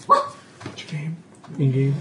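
A man's voice: on the high side, huge pitch swings, slow, noisy background. A man chatting casually as a player at a tabletop game, asking short questions.

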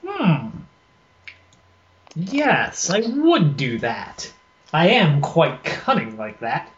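A man's voice: a little high, huge pitch swings, extremely slow, heavily acted. A man voicing a tiny, whimsical, boastful male fairy spymaster in a tabletop roleplaying game. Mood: smugly cunning. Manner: self-important, whimsical. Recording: roomy, noisy, muffled tabletop recording.

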